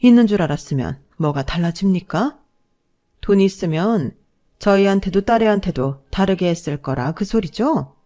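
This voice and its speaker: A woman voicing a fiery, protective middle-aged widowed mother who scolds loudly. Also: on the low side, close to an everyday voice.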